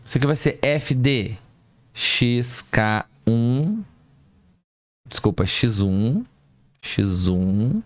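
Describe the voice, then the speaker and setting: A man's voice: medium pitch, animated, drawn-out words, long pauses, dry recording. A man teaching mathematics, walking through a calculation step by step, asking himself questions and correcting small slips as he goes. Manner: talks students through each step, asking and answering himself. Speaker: math professor. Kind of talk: lecture at a board.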